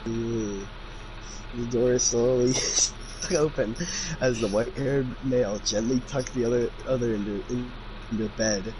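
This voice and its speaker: On a noisy amateur recording with audible room ambience, a jokey young man reads fan fiction aloud as a comedy bit. His medium-pitched voice stays fairly even and measured while he swears and drifts off into joking asides.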